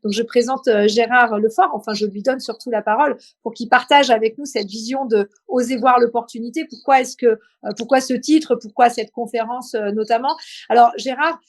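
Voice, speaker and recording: A woman with a high-pitched voice hosts a live interview. She speaks informally, setting up questions and addressing her guest in a familiar way. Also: fairly even intonation, brisk. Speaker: interview host. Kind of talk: live online interview, quiz-style questions then conversation.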